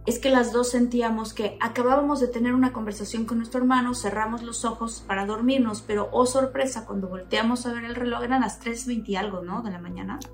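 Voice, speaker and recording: A woman with a fairly high voice walks listeners through a frightening experience in casual conversation, explaining each detail and acting out moments vividly. Faint music plays softly in the background. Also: steady tone, a little fast, few pauses. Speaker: guest telling a paranormal experience. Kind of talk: casual storytelling chat.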